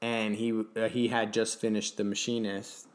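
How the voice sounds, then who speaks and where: A man co-hosting a podcast, chatting eagerly and often pausing with ums and uhs. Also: fairly low pitch, level tone, a little hiss or hum. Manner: enthusiastic, hesitant with many ums. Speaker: podcast co-host. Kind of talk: casual chat.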